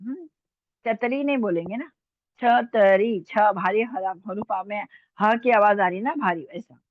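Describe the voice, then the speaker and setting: A woman's voice: mid-range voice, normal speed, no room sound. A woman teaching an Urdu lesson online, patiently sounding out letters and checking that her students follow. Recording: tinny phone-like dry sound.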